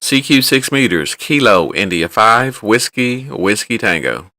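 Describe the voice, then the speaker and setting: Man making bright ham radio calls. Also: fairly low pitch, big pitch swings, unhurried. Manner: loud, sing-song repeated ham radio calls. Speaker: amateur radio operator in a contest. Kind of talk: calling CQ on air with phonetic call sign.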